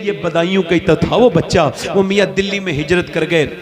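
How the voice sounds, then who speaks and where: A male preacher giving a sermon, moving from quiet storytelling to shouted climaxes before an audience. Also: sits high, steady tone. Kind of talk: Urdu religious sermon to a crowd. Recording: live crowd audible behind.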